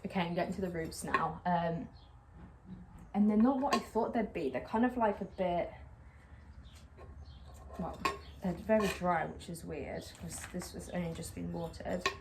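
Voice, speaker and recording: A young Englishwoman, a plant vlogger, chats to the camera while repotting a plant on a slightly windy patio by a brick wall. Her fairly low voice moves at normal speed, rambling and self-conscious with lots of fillers, while clear outdoor noise sounds behind her.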